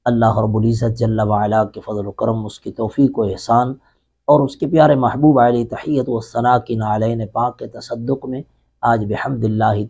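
A middle-aged man with a Pakistani Urdu accent teaching Quran reading in an online lesson, stretching out letters and syllables slowly, then explaining quickly. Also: mid-range voice, mellow, slightly rough. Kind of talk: online lesson, spelling out Arabic letters and sounds.

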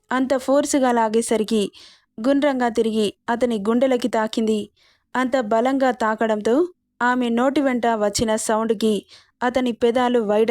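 A woman storyteller reading a romance story aloud in a steady, expressive way. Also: on the high side, no room sound, studio quality. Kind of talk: scripted romance narration.

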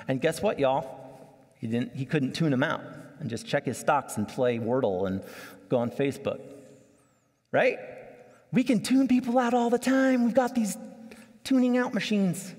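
A man in his thirties preaching a sermon from a church sanctuary, conversational and animated, acting out little scenes as he walks the stage. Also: fairly high pitch. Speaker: pastor. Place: church sanctuary, large room. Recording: long church hall reverb.

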